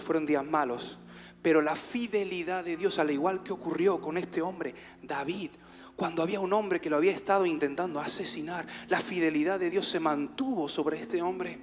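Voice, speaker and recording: A pastor with a Spanish accent from Spain giving an emotional sermon with a personal testimony, his delivery swinging between loud cries and hushed near-whispers. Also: high voice, moderate pace. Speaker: visiting pastor. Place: church service.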